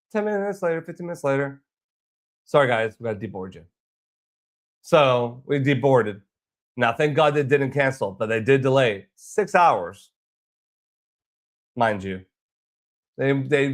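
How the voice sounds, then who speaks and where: Aggrieved man telling his travel story. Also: mid-range voice. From Boston. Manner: rambling, aggrieved, frequent restarts. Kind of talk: casual storytelling vlog.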